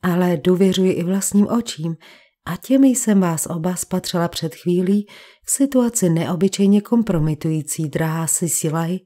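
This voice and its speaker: A woman voicing an angry young woman who insists on answers, sharp and ironic, in a crime audiobook. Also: on the low side, close to an everyday voice.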